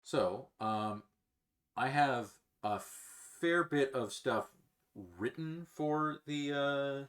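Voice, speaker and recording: A man running a tabletop role-playing game as game master, talking slowly with many fillers and pauses. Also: mid-range voice, fairly bright tone. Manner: slow, halting, many fillers. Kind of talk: narrating a tabletop game over a call.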